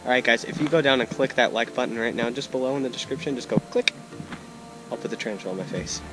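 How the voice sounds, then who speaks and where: Excitable young man vlogging outdoors over music. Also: medium pitch, fast talker. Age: young adult. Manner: exclamatory, slangy. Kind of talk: casual excited vlog chat. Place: open desert scrubland, outdoors. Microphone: handheld action camera.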